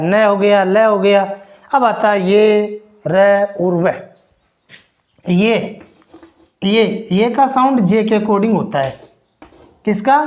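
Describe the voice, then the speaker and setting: A woman with a medium-pitched, darkish voice teaches an English phonetics lesson. She works slowly through the sounds one at a time, repeating each and quizzing the class.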